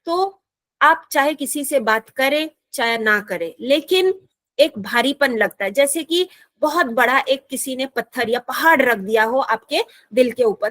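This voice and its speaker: High-voiced patient woman teacher. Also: fairly bright tone, no room sound. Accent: Indian English. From India. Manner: patient, repeats and rephrases often; slows down sharply to read English lines. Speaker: English teacher. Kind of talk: explaining a school English lesson in Hindi.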